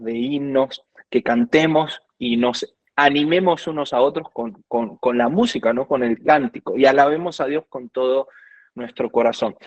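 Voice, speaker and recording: An earnest Argentine man with an Argentine Spanish accent teaches conversationally as a guest worship minister, quoting scripture at length. His medium-pitched voice comes through a dull, dry recording.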